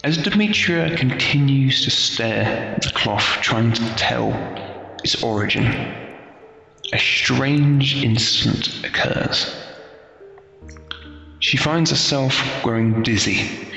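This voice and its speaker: Slow, gravelly man as game master. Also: mid-range voice, expressive, sharp tone. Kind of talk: narrating a tabletop game. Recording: dull, very echoey, music behind.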